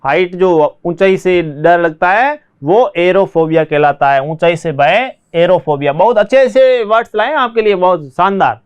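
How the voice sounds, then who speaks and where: An Indian man with a Rajasthani Hindi accent, teaching an online spoken English lesson. He drills each word slowly and repeats it, then explains it in Hindi, and tells his students to write their answers quickly. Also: sits high, smooth, highs cut off.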